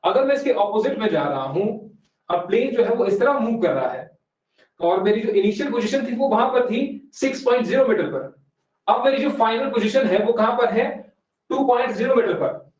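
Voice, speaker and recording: Guy teaching a class, high voice, keeps asking students stuff, mic far off so its distant and dull. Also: expressive, a little mellow. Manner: explains step by step, keeps asking students questions; reads English definitions very slowly. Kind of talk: online exam-prep class lecture. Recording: very echoey room, voice from far off, dull sound.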